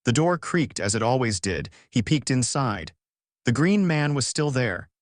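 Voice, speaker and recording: A man, the author, reading his short story aloud in a measured, expressive way. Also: mid-range voice, no room sound, clean studio sound. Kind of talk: storybook narration.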